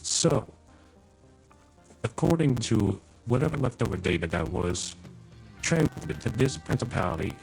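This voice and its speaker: A man's voice: mid-range voice, sing-song, a little slow, vocal fry, long pauses, darkish tone, breathy edge, soft background music, full character voice, poor audio. A man voicing a prim, overly polite male AI companion in a tabletop game, his voice run through a morphing voice changer, talking formally with a few slips. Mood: prim, courteous. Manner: formal, courteous, stiff phrasing with slips.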